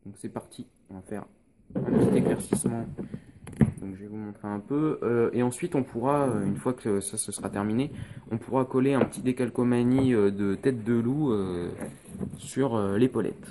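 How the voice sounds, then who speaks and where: A man's voice: medium pitch, normal speed, background noise. A man giving a casual painting tutorial, recorded on a phone, explaining each step with many hesitations.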